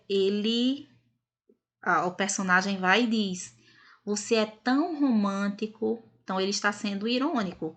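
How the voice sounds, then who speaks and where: A woman's voice: mid-range voice, fairly bright tone. A woman teaching a recorded grammar lesson, explaining step by step and ending points with tag questions.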